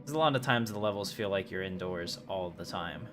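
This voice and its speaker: Talking over music, this male streamer keeps up a brisk, low-pitched patter as he plays and chats informally with his audience. There's a constant background noise in the recording.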